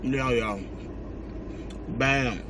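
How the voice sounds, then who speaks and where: A man's voice: medium pitch, fairly even intonation, drawn-out words, background noise. An American man talking casually to his viewers as he eats, chewing between and during his words. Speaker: mukbang vlogger. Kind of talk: casual chat to viewers while eating.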